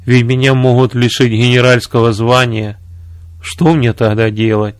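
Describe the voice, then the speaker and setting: A man's voice: medium pitch, steady tone, moderate pace, smooth, no echo, natural voice. A man voicing a blunt, self-assured middle-aged army general. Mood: worried.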